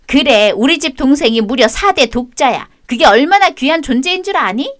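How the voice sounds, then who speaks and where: A woman's voice: sits high, lively intonation, normal speed. A woman voicing a spiteful, bossy middle-aged sister-in-law in a radio drama, sneering and scolding.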